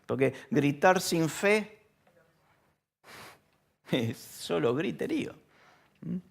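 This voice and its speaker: This man is a pastor giving a sermon, his accent Rioplatense Spanish and his style relaxed as he asks the congregation questions and acts out yelled lines. The voice is fairly high and gravelly, expressive, with words drawn out.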